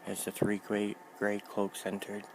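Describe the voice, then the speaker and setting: Male reader, low flat gravelly voice, steady audiobook narration, faint noise. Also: a little slow, rough recording.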